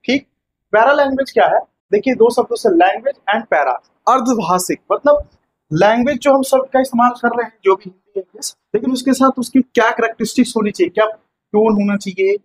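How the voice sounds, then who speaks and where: High-voiced male teacher, lecture style. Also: fairly quick, a little hiss or hum, rough recording. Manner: explains step by step with rhetorical questions and "है ना" checks. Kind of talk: exam-prep lecture. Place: classroom with whiteboard.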